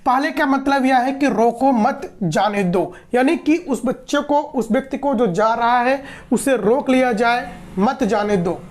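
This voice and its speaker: A woman's voice: high voice, unhurried. A woman gives an exam-prep lesson in a slightly raised voice. She explains step by step, restating each point and posing questions she answers herself. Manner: explanatory, repeats and rephrases, asks and answers own questions. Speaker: teacher.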